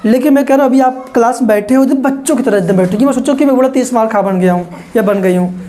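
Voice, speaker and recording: A woman with a warm, mid-range voice teaches children a basic English lesson at a quick pace. She explains patiently, repeats her points, quizzes her listeners, keeps calling them "kids," and mixes English terms into her speech.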